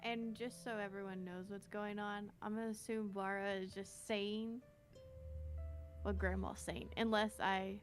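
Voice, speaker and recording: A woman's voice: mid-range voice, level tone, a little slow, soft background music. A woman chatting casually as a player in a tabletop role-playing game.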